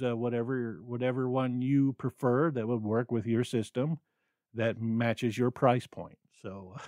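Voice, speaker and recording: Male podcast host, mid pitch, rambling and stammering, dead-dry close-mic sound. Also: dry recording. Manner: rambling, stammering with many fillers. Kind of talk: unscripted solo podcast talk.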